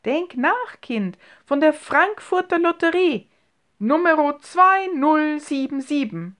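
A woman putting on a kindly old uncle, hearty and easily excited. He speaks loudly and pushes his questions with raised insistence in this storybook scene. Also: on the high side, normal speed, lightly acted. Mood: urging.

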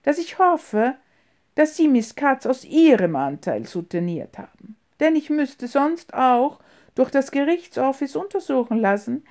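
A woman voicing a brash, scornful American heir in an audiobook reading, loud and mocking, with English words mixed in. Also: sits high, sing-song, unhurried, voice pushed up, exaggerated voice. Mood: menacing.

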